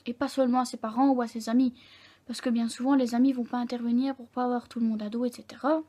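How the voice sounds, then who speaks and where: A young woman vlogger telling a personal story to camera in a candid, halting way, often correcting herself mid-sentence. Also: fairly high pitch, level tone, warm tone.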